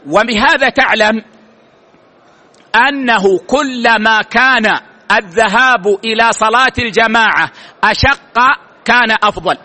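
Male religious teacher: high, bright voice, deliberate explaining. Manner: slow and deliberate, repeats key words. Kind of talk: religious lesson commentary.

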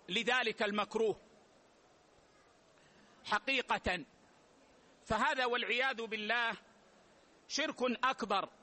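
Man, religious lesson, very high voice, bright tone, repeats key phrases, measured teaching. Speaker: Islamic scholar teaching. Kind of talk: religious lesson explaining rulings.

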